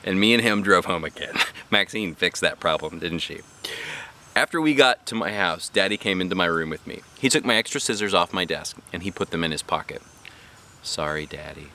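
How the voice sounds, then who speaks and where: A man reads a children's book aloud as a dad, narrating expressively with animated put-on character voices. His voice sits low and moves a little fast.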